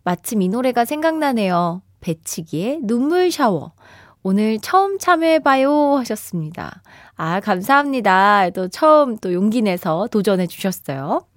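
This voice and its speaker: A woman in her thirties hosting a radio show, reading listener messages with bright, playful reactions and frequent laughter. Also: medium pitch, very animated, a little slow, dry recording. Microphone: studio microphone. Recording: dry studio sound with faint music bed.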